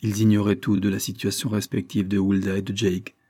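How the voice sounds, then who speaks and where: Male narrator, measured, dark mellow tone, dry booth. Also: on the low side, little pitch movement, dry recording. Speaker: audiobook narrator. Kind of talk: scripted narration.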